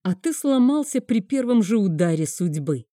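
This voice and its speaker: A woman voicing a calm, scornful older high priest in an audiobook. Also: normal speed, dry recording, clean studio sound, lightly acted. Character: high priest, older man, cold and sarcastic.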